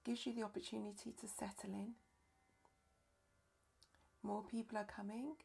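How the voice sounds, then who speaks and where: Soft-spoken woman with a husky, creaky voice. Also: medium pitch, level tone. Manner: soft, slow, often whispered delivery. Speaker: yoga nidra teacher and therapist. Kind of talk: live-streamed guided relaxation instruction.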